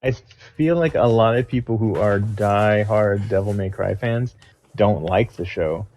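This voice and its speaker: A young man chats casually on a podcast in a slightly low voice. He talks hesitantly, filling gaps with "um" and restarting his sentences. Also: a little slow, slight background noise. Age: young adult. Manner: hesitant, soft-spoken, many "um"s. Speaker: podcast co-host. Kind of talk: casual chat.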